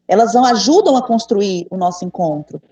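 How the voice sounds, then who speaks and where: Brazilian woman running an online workshop for teachers, patient and encouraging, warm low tone, video-call audio with roomy echo. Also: animated, a little fast. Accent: Brazilian Portuguese. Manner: patient, encouraging, asks the group questions. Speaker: teacher trainer. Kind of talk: online teacher training session. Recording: echoey room, distant mic.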